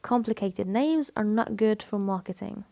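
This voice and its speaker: A woman teacher with an Egyptian Arabic accent who gives a bilingual lecture, reading English phrases slowly and carefully, then explaining quickly in Arabic. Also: medium pitch, creaky, mellow, no room sound. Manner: switches between slow careful English and fast Egyptian Arabic.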